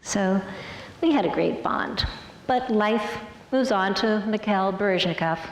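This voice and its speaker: A woman's voice: mid-range voice, unhurried. An older woman tells her stories from a stage. She acts out the quotes and sometimes drops to a whisper. The recording echoes through a big hall with a long reverb, with faint music under her. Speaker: former ballerina telling stories on stage. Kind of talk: stage storytelling show. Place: large arts hall, live audience.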